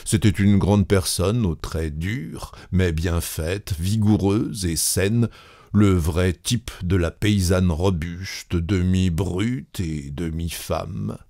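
A man narrates a literary tale in a low voice. He reads slowly, with a grave and measured delivery. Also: vocal fry, dark tone. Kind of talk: literary audiobook reading.

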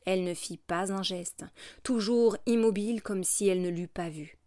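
Female narrator, measured and somber, literary read-aloud, dry studio sound. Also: medium pitch, a little mellow, no room sound. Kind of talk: scripted narration of a literary tale.

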